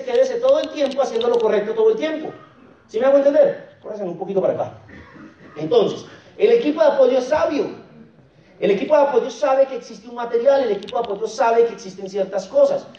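A man leads a jokey motivational talk at a convention, constantly checking in with the crowd through rhetorical questions. His tone is dark and mellow. He sounds far from the mic in a roomy hall, and the recording is dull. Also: very high-pitched, fast talker. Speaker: network marketing leader speaking at a convention.

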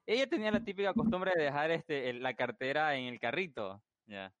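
A young man tells a story to his friends with an animated, slightly high voice. He swears freely. He is recorded close and dry, with no room around him. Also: brisk, dry recording, lo-fi sound. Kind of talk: casual anecdote telling among friends.

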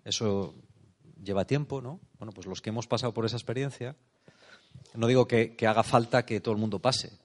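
A man's voice: mid-range voice, steady tone. A man giving a thoughtful spiritual talk, often checking in with "eh?" and "no?". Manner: thoughtful, unhurried, tag questions like "eh?" and "no?". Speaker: preacher.

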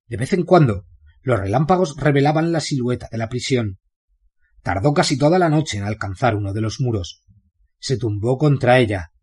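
Husky man reading a novel aloud. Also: medium pitch. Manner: steady, dramatic storytelling. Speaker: audiobook narrator. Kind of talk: scripted novel narration.

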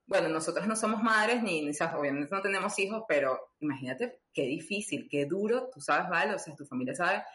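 A woman's voice: lowish voice, animated, brisk, hardly any pauses, a bit bright. A woman telling a personal story, chatty, with many fillers and acted-out dialogue. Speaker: guest. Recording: roomy echo.

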